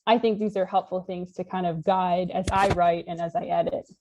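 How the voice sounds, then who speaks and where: A woman's voice: lowish voice, fairly even intonation, normal speed, dull audio, background noise. Woman giving an informal online lecture. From Alaska, United States. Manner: friendly, conversational, with occasional fillers. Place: home room with virtual background. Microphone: laptop webcam mic on a video call.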